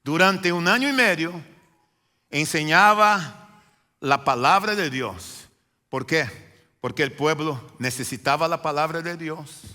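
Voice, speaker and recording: A Brazilian pastor and native Portuguese speaker preaches a sermon in a church sanctuary with a Brazilian Portuguese accent. He repeats phrases and swings between loud, emphatic lines and quiet, low ones, speaking a little slowly with a long reverb tail.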